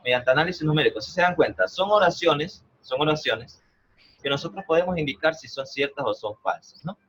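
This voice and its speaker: A man's voice: a little high, animated, fairly quick, a bit bright, highs cut off, slight background noise. A man, teaching an online math class, explaining patiently and often asking whether the students follow. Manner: explains patiently, checks understanding with frequent "¿no?" and "¿verdad?". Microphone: video call.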